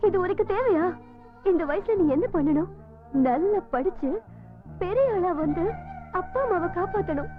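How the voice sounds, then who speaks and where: A woman's voice: very high voice, expressive, moderate pace, long pauses. A woman dubbing a caring but firm single woman in her thirties in film dialogue, speaking emotionally and scolding. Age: 30s. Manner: emotional, scolding then tender. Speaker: dubbing actress. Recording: tinny lo-fi film audio with music score.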